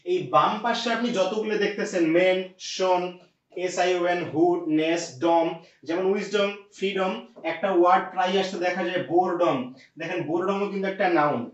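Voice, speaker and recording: A man's voice: high voice, steady tone, moderate pace. A man teaching an English grammar lesson, explaining step by step and often asking his students rhetorical questions. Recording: echoey distant lo-fi room sound.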